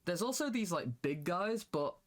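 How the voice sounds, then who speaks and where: Young guy reviewing a game mod, kinda high voice, laid-back, lots of "like". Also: lively intonation, normal speed. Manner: casual with frequent "like" fillers. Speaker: gaming YouTuber. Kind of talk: scripted review narration.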